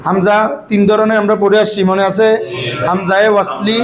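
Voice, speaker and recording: A man's voice: high voice, little pitch movement, a little fast. A man teaching an Arabic grammar lesson to students, prompting them to repeat answers back in call-and-response style. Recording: echoey room with background noise.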